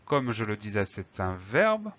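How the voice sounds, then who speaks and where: Guy doing a spelling lesson, lowish voice, spells every word out slow, kinda muffled recording. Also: sing-song, fairly bright tone, dry recording. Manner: slow, spells out words letter by letter. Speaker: teacher.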